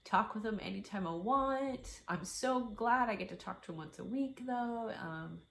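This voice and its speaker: A middle-aged woman chatting casually and from the heart as a vlogging mother, halting and emotional as she shares her feelings. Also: medium pitch, vocal fry, a little hiss or hum. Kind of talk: casual, heartfelt vlog chat.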